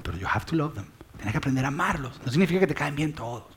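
A man's voice: fairly high pitch, big pitch swings, racing, slight background noise. A man preaching a sermon, speaking directly to listeners with questions and dropping to a whisper on key words. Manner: mixes English phrases into Spanish.

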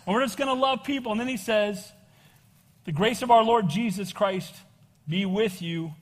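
Preaching at a moderate pace in a high voice, this older American man teaches an expository evangelical sermon. He urges the congregation on with chatty asides and repeated requests for amens, and the big church room rings with long reverb.

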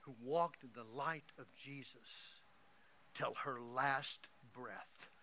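A middle-aged man from Oklahoma preaching a sermon, telling an emotional story that swings from hushed to loud. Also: medium pitch, slow pace, a little hiss or hum. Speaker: pastor.

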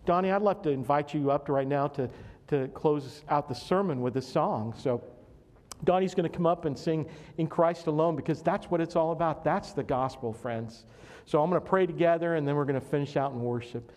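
A male pastor with a high voice preaches earnestly, driving his points home by repeating key phrases. His words ring out with a long reverb in a church sanctuary. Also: brisk, darkish tone. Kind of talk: sermon.

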